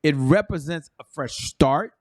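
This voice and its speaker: A man's voice: on the high side, a little slow, no room sound, studio quality. A man hosting a late-night business talk show, interviewing a guest with enthusiastic, upbeat patter. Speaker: show host.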